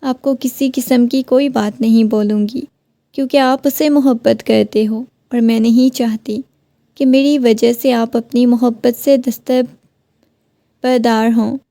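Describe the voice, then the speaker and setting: A woman's voice: fairly high pitch, fairly even intonation, dark tone, no room sound, natural voice. A woman voicing a heartbroken young wife who keeps pleading with her husband. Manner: pleading, questioning.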